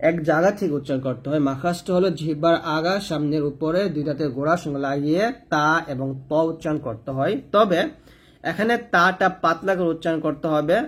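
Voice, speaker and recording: A man teaching Quran reading, slowly repeating letter sounds for drilling. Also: fairly high pitch, slightly rough. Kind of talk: step-by-step recitation lesson.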